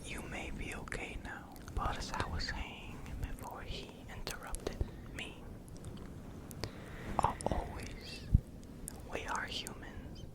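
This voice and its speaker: Casting: whispering ASMR host for a bedtime pep talk, very slow, breathy, close-miked. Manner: slow, pausing between short phrases. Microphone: close fluffy-covered microphone.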